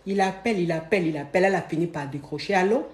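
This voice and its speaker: A woman's voice: fairly low pitch, very fast. A woman with an Ivorian French accent telling a personal story casually, acting out the voices of the people in it. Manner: animated, acts out the voices of people in her story. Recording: roomy echo.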